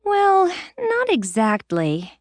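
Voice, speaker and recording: A woman reading a scripted dialogue for language learners, telling an animated story with a complaint. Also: very high-pitched, takes it slowly, no room sound.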